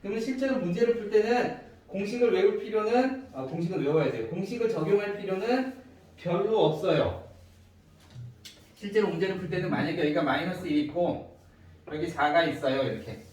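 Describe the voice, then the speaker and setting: In an echoey room, picked up by a distant mic, a man with a high, darkish voice teaches a math class at a slightly quick pace. He explains each step and keeps checking whether his students are following.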